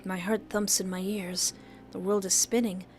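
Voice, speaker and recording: A woman's voice: medium pitch, flat delivery, normal speed, slight background noise, close to an everyday voice. A woman reading a visual novel as an anxious, shaken young student narrator, with a hesitant and worried manner. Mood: anxious, dazed.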